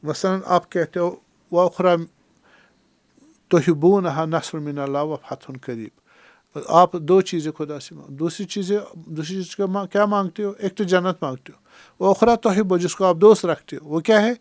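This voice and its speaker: A man with a Kashmiri accent giving a religious lecture as a scholar, who teaches by putting questions to his listeners and recites Arabic quotations slowly. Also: high-pitched, steady tone, no echo. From Pakistan. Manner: explains by asking the audience questions. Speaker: Islamic scholar.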